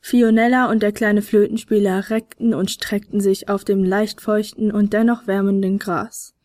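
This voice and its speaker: A woman narrating a children's storybook in an expressive, gentle storytelling manner. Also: medium pitch, normal speed, dry recording, clean studio sound.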